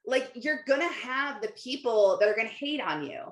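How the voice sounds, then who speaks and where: A woman with a slightly high, expressive, and somewhat bright voice speaks at a moderate pace. She's coaching casually on a motivational livestream, reading out comments in an informal, conversational way with plenty of rhetorical questions and repetition, and the echoey room gives the recording a roomy sound.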